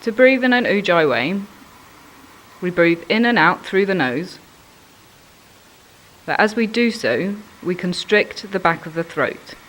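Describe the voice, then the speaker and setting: A man giving an instructional explanation of a breathing exercise in measured, explanatory phrasing. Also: high-pitched, lively intonation, a bit bright, slight background noise, rough recording.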